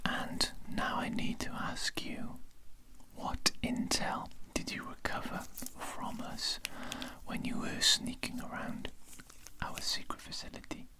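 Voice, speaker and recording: A performer in a whispered role-play, voicing a patient, quietly menacing interrogator at a secret facility in a soft, breathy, deliberate whisper. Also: lightly acted, rough recording. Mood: probing.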